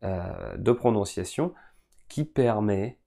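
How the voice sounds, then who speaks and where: A French teacher from France hosts a podcast and answers questions from learners. He talks to his listeners directly and explains each point with patience. His voice sits a little low and has a warm, mellow tone. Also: slow, vocal fry. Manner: calm, patient explanation aimed straight at listeners.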